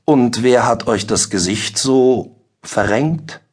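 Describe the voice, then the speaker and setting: A man's voice: medium pitch, takes it slowly, a little mellow, breathy edge. A man doing a needling two-faced court clerk. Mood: mock concern. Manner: mock-concerned, needling.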